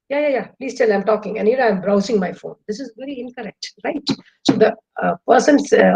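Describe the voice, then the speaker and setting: A woman's voice: mid-range voice, gravelly, rough recording. A middle-aged woman with an Indian English accent, giving an enthusiastic webinar talk to students over a video call. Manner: lively, enthusiastic lecturing with demonstrations. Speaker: guest speaker.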